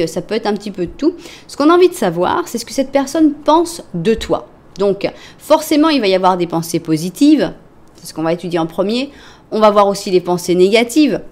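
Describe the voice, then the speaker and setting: Chatty woman giving a tarot reading. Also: medium pitch. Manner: chatty, warm-hearted, with frequent fillers and self-corrections; talks directly to the viewer, gentle and reassuring. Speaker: tarot card reader. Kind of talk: casual tarot reading for online viewers.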